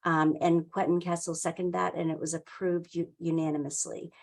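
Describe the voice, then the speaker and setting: An older woman giving an informal, halting explanation as a staffer in a meeting over a video call. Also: fairly low pitch, flat delivery, gravelly, darkish tone. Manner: halting, explanatory, with frequent pauses mid-phrase. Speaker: town wetlands staffer running a public meeting. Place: indoor room, on a video call. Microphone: computer mic on a video call.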